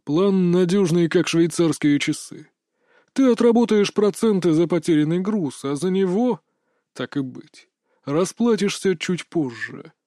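A man's voice: sits high, lively intonation, a little slow, warm tone, dry recording, clean studio sound. A man voicing a metallic-voiced crime boss. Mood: cold, menacing. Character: menacing male crime boss on phone. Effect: metallic, altered voice. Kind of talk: audiobook narration.

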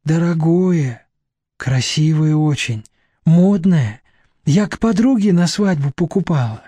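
A man's voice: a little high, animated, slow pace, warm tone, breathy edge, no echo, full character voice. A man reading an audiobook, voicing a timid young woman who talks in a plaintive, pleading way. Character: timid young woman, fearful and self-pitying.

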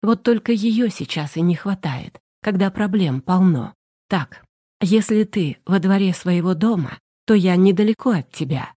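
Curt, commanding lawyer woman, read by a female narrator, warm dark tone, dry. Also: lowish voice, animated, measured pace, no echo. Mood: curt, tense.

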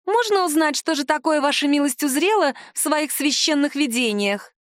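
Brief: woman doing a mocking young elf-dryad woman, high and shrill, haughty, sneering, audiobook figure. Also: lively intonation, moderate pace, no echo, clean studio sound. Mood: snide.

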